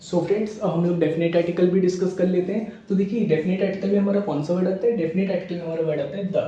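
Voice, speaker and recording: A male teacher walks through grammar examples, asking questions and answering them himself. His voice sits high with a mellow, dark tone. The sound is dull and distant, with heavy echo from the room. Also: fairly even intonation, very fast. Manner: repetitive question-and-answer explaining. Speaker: English teacher. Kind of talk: classroom grammar lesson.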